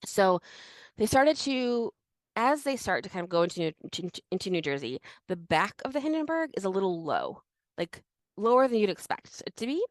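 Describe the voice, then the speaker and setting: A woman's voice: medium pitch, very animated, normal speed, no echo. Chatty woman podcast host. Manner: chatty storytelling, filler-heavy. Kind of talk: casual chat.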